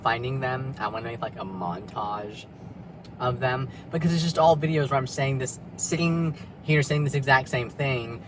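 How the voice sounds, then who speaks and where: A man's voice: mid-range voice, normal speed, noisy background. A young man talking candidly in a personal vlog from his car in a parking lot, rambling and confessional, with lots of fillers and swearing. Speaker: vlogger.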